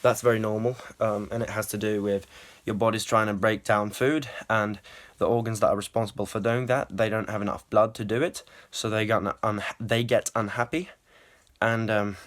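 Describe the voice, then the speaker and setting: A man's voice: lowish voice, flat delivery, normal speed. A man vlogging casually after a run, still out of breath, rambling with many ums and uhs. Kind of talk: casual running vlog.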